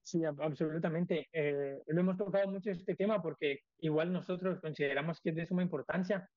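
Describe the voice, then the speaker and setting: High-voiced young host. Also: male voice, a little fast, no room sound, highs cut off. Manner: polite, slightly hesitant questioning. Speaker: podcast host. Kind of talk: interview questions.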